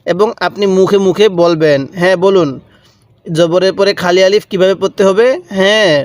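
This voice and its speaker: High-voiced man teaching Quran reading. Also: steady tone, dry recording. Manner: patient, repetitive, drawn-out syllables. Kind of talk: step-by-step recitation lesson.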